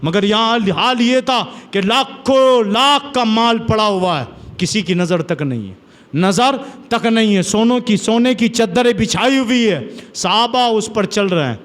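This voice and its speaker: A man's voice: high voice, fairly bright tone. A man preaching a sermon, retelling old stories with dramatic, repetitive emphasis. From India. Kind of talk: sermon storytelling.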